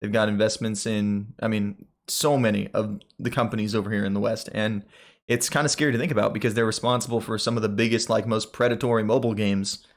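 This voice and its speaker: A young man co-hosting a gaming podcast, talking news in a relaxed, rambling way with lots of fillers. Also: fairly low pitch, quick pace. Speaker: podcast co-host. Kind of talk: casual gaming news chat.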